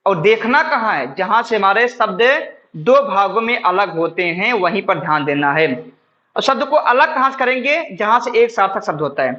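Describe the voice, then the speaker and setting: A man teaching grammar in a bright, sharp voice whose pitch swings widely as he talks. He asks his own questions, answers them himself, and keeps checking in with "ठीक है". The recording sounds dull and lo-fi. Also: lively intonation, normal speed. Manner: addresses viewers as friends, explains step by step. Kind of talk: exam-prep classroom lesson.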